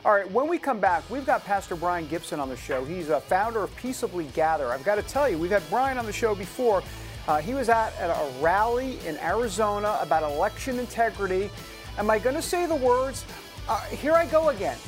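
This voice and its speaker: A man's voice: high voice, expressive, fairly quick, soft background music. A man hosting an opinionated political talk show in a punchy, teasing manner, repeating himself and asking rhetorical questions.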